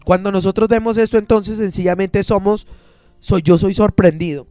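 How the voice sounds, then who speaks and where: Pastor preaching, high voice, dry close sound, faint music behind. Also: male voice, fairly even intonation, darkish tone, no room sound. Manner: preaching with many pauses and restarts. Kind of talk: radio sermon.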